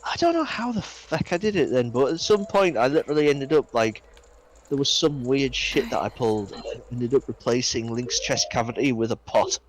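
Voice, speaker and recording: A man's voice: medium pitch, animated, normal speed, a little hiss or hum. A man chatting casually during a game stream, rambling, swearing offhand and laughing through his own stories. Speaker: co-op stream guest. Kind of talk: casual gaming chat.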